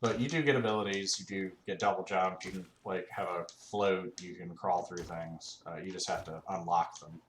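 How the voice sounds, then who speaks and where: A man's voice: low voice, fairly even intonation, moderate pace, hardly any pauses. A man giving laid-back, rambling let's-play commentary, full of fillers, from a room at home on a desk mic. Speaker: gaming channel host. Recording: roomy home recording with faint fan hum.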